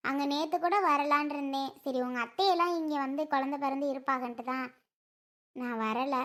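High pitched woman, fussy questioning family skit. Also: steady tone, normal speed, a bit bright.

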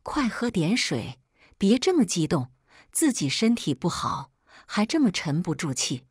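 A woman voicing a calm middle-aged father who soothes his family in a story. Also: on the low side, unhurried, slightly rough, no room sound, clean studio sound, full character voice. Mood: soothing. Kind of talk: scripted story narration.

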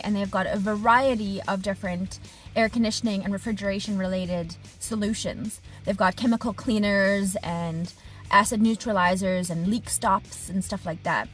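A woman in her thirties, an HVAC technician running her own business, shares a casual vlog diary from the cab of her parked truck, expressive and animated with hand gestures. Her mid-range voice moves at normal speed over faint music, recorded by a dashboard camera at arm's length.

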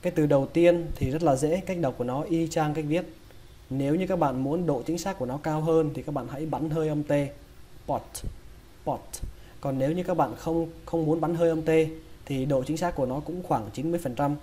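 A man with a Vietnamese accent runs a slow pronunciation lesson, splitting English words into their sounds and saying each one again and again. His voice sits a little high, with a mellow, soft tone. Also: slightly rough. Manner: repeats each word slowly, breaking it into sounds.

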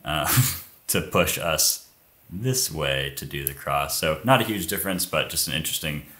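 A man co-hosting a casual climbing technique breakdown, his voice very deep yet bright and forward in tone. He explains each move step by step as he points things out on screen. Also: moderate pace.

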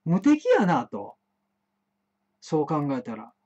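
Kansai man hosting a live stream; rambling storyteller, trips over his words, swooping pitch. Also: wildly swooping pitch, takes it slowly, mellow, slightly rough. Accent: Kansai Japanese. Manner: chatty, frequent stammered restarts and fillers. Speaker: host of an internet talk show. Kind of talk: rambling solo monologue, storytelling. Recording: muffled live-stream audio.

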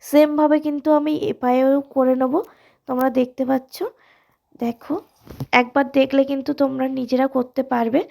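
Hoarse, gravelly high-voiced woman. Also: level tone, normal speed, a little mellow. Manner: friendly, addresses viewers directly and informally. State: hoarse from a cold. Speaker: alta design tutorial host. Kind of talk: casual step-by-step tutorial.

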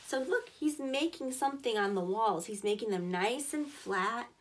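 Reading a picture book to her preschoolers, this teacher in her thirties pauses for clear, simple asides that encourage the little ones. She sounds a little high, with lively intonation at a moderate pace, captured indoors near the mic.

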